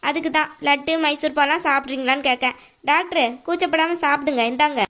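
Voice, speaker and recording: A woman voicing a sharp-tongued, nagging middle-aged mother-in-law in a cartoon, scolding and mocking. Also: sits high, steady tone, fast. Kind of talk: cartoon voice acting.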